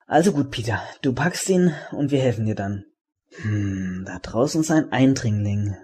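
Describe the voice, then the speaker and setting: A man's voice: on the low side, expressive, normal speed, warm tone, slightly rough. An actor playing a clever teenage boy detective in a radio play, talking precisely and eagerly. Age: teen.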